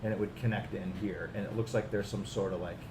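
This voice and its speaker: A man's voice: lowish voice, fairly even intonation, fast. A man narrating as game master, describing scenes casually with fillers. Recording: echoey room with background noise.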